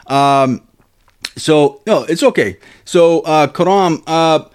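A man with a slightly high voice and a clean tone hosts a casual podcast interview at a slow pace. His questions are long and rambling, packed with fillers.

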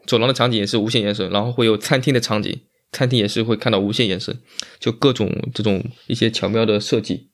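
A man's voice: fairly low pitch, steady tone, quick pace. A man speaking as an interview guest in a casual chat, explaining things and repeating phrases for emphasis. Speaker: interview guest, magician and bar owner.

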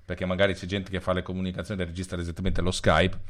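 A man's voice: sits low, completely flat delivery, very fast, a bit bright. A man talking as a programmer guest on a podcast, explaining things freely with frequent restarts. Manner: talks freely with restarts and trailing off. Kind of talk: casual conversation.

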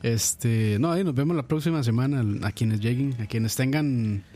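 A man's voice: mid-range voice, normal speed, warm tone, faint music behind. A man co-hosting a podcast, chatting eagerly with friends. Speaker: podcast co-host. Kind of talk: casual banter among friends.

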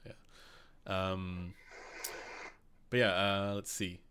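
A man's voice: sits low, flat delivery, extremely slow, sharp tone, slight background noise. A Canadian man hosting a casual live stream, rambling with fillers and reading chat questions aloud. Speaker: host.

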